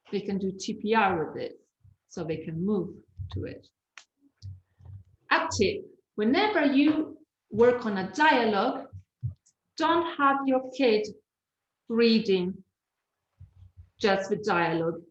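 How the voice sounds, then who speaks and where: Brief: woman trainer, unhurried delivery, roomy echo on a webinar call, lively and demonstrative. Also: medium pitch, muffled recording. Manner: lively, demonstrative, sings and hums examples. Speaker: teacher trainer. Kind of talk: online teaching webinar.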